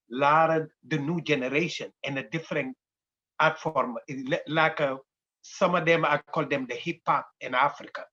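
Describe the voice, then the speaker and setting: A man in his sixties with a Senegalese accent, a dance company founder telling his life story in a halting, unhurried way with many fillers. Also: a little high, a bit bright, husky. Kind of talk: personal interview storytelling. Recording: dull lo-fi recording.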